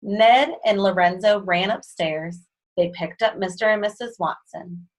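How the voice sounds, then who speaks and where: A woman's voice: mid-range voice, measured pace, rough recording. A woman reads a children's storybook aloud. She breaks in now and then with chatty asides of her own. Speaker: reader. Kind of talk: reading a children's book aloud.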